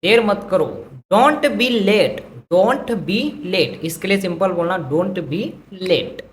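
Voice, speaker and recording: Woman tutor going over english phrases, super slow and patient, repeats everything. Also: medium pitch, a little hiss or hum. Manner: repeats each English phrase slowly, then explains in Hindi. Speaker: English teacher. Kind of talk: vocabulary lesson.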